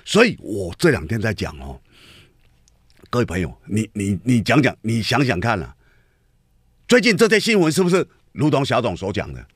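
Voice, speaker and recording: A man's voice: lowish voice, wildly swooping pitch, moderate pace, husky, dry recording, studio quality. A man hosting a radio talk show, giving an emphatic political commentary monologue full of rhetorical questions to his listeners. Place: radio studio.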